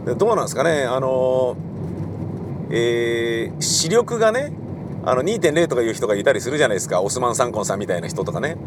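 Middle-aged man talking while driving. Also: mid-range voice. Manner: rambling, many fillers, polite explanatory tone. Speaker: radio host and theatre director. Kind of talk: casual solo talk recorded while driving. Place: in a car in city traffic. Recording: car and street noise behind.

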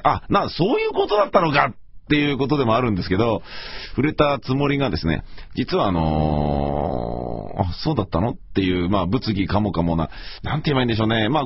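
A middle-aged man with a hoarse, gravelly voice, rambling casually and self-deprecatingly as he hosts a solo radio talk. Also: fairly low pitch. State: morning hoarseness after heavy talking. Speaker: radio show host and voice performer. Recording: slightly dull, lo-fi audio.

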